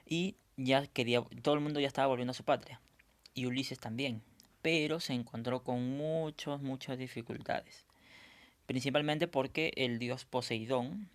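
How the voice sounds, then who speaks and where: A male teacher going over a review lesson, explaining step by step and often checking in with his students. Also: mid-range voice.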